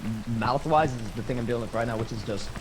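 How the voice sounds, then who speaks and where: A man's voice: mid-range voice, quick pace, background noise. A man live streaming, chatting casually with friends over a game in teasing, sweary banter. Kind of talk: casual group chat while gaming.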